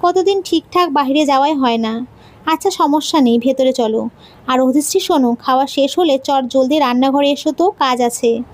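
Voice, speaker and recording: A woman's voice: sits high, normal speed, darkish tone, lightly acted. A woman voicing a bossy sister-in-law who gives curt orders. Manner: curt, commanding.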